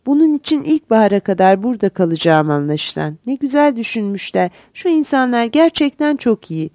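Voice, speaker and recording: A young fir tree in a storybook, naive and restless, musing to itself with a wistful, lively lilt, as a woman narrator puts it on. The voice is mellow and warm, close and dry. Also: fairly high pitch, fairly quick, dry recording.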